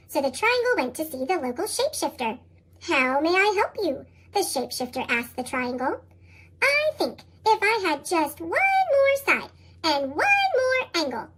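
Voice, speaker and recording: Squeaky chipmunk-voiced storybook reader. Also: fairly bright tone. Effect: sped-up, high chipmunk-style pitch shift. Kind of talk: reading picture books aloud.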